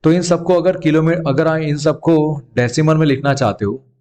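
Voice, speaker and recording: A man's voice: fairly high pitch, fairly even intonation, normal speed, a little mellow. A man with an Indian English accent teaching a children's math lesson, calling his students "beta" and asking questions he then answers himself.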